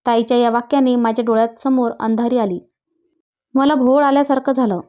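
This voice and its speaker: A woman narrating a moral story in an even, reading storytelling manner. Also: a little high, brisk.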